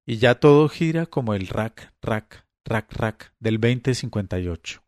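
A man reading a first-person story aloud in a measured, suspenseful way. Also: medium pitch, lively intonation, a little mellow, no echo, studio quality.

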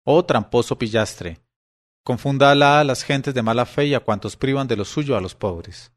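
A man's voice: medium pitch, moderate pace, darkish tone, lightly acted. A man reading as a sarcastic poor fisherman. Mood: mocking. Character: mocking poor fisherman, middle-aged man. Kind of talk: audiobook character reading.

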